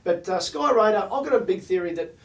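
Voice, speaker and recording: A man hosts a casual racing discussion at a quick clip. His voice sits a little high. He speaks in punchy, jargon-filled phrases, picked up from slightly away from the microphone. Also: animated. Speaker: host of a horse racing talk show. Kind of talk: casual racing chat and analysis. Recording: distant mic.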